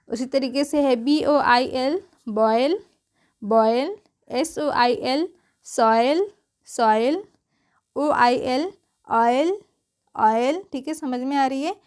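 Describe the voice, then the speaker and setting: High-voiced woman teaching pronunciation. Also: darkish tone. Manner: spells letters one by one, then says the word twice; asks the class questions and answers them herself. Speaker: English teacher. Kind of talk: spelling-out pronunciation lesson.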